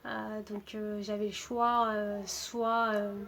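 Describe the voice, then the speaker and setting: Young woman speaking flatly, many fillers. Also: mid-range voice, slow, gravelly, a little hiss or hum. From Portugal. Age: 20s. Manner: hesitant, many fillers and restarts. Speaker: footballer interviewed. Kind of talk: casual self-introduction to camera.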